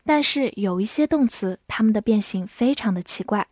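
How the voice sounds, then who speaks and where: A woman teaching English vocabulary in a scripted lesson, speaking clearly and evenly and slowing down to spell words and read example sentences. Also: mid-range voice, no room sound, studio quality. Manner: clear, even teacher's delivery, slows to spell and read aloud.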